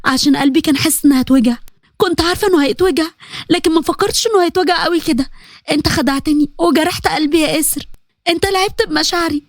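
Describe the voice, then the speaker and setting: Casting: a woman playing a heartbroken young woman, Egyptian accent, high teary voice, rapid outbursts, dry sound. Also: no room sound, natural voice. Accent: Egyptian Arabic. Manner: tearful, pleading, rising to outbursts.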